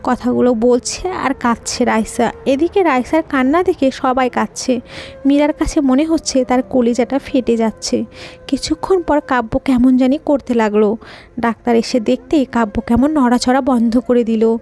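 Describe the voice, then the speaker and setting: A woman's voice: high voice, moderate pace, a little mellow. A woman storyteller giving scripted narration of an emotional audio story in an earnest, melodramatic way.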